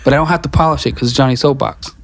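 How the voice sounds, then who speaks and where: A man's voice: mid-range voice, fairly even intonation, racing. Blunt, plain-spoken man. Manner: blunt, profane and matter-of-fact. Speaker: guest musician. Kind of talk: casual podcast conversation.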